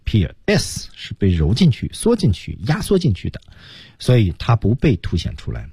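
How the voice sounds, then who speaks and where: A man hosting a radio English lesson, explaining step by step and slowly modeling English phrases. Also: on the low side, dark tone, slightly rough, dry recording, clean studio sound. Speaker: English teacher and radio host.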